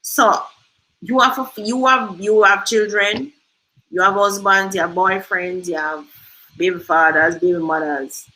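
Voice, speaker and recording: A woman's voice: mid-range voice, fairly even intonation, unhurried, sharp tone, slight background noise, low-quality recording. A Jamaican woman hosting a livestream, giving emphatic motivational advice and slipping into patois. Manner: emphatic, preachy, switches into patois. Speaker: host.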